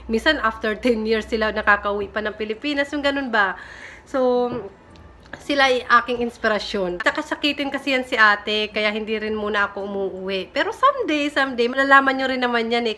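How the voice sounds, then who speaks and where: Chatty young Filipina mom vlogger. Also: female voice, fairly high pitch, a little fast, bright, forceful tone, a little hiss or hum. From Philippines. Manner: chatty, giggly, self-teasing. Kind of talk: casual vlog chat reading comments. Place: home room in Japan. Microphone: phone camera.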